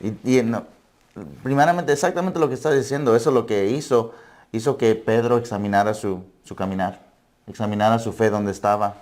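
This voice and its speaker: Low-voiced man reading scripture. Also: a little mellow. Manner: measured, affirming with "amén".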